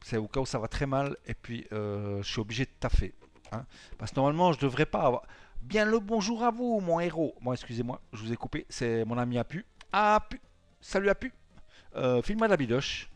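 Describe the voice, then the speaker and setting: A man's voice: medium pitch, animated, fast, darkish tone, dry recording. A man with a Swiss French accent giving loose, rambling gameplay commentary, full of fillers and little tag words. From Switzerland. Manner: rambling, filler-heavy, tags lines with "hein". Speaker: let's play gamer.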